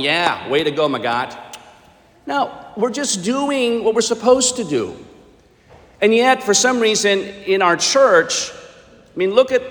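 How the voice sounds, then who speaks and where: Priest preaching in a long cathedral echo. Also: male voice, sits high, fairly bright tone. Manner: plain-spoken, rhetorical questions and repetition. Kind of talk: homily with Gospel reading. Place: large church during Mass.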